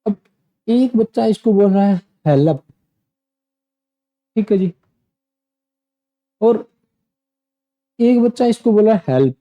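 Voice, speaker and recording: An Indian man with a high, steady voice coaches students through an English exam, speaking slowly with frequent pauses. He explains the exam tasks directly and repeats key points like a teacher in a classroom lesson. The recording has its highs cut off.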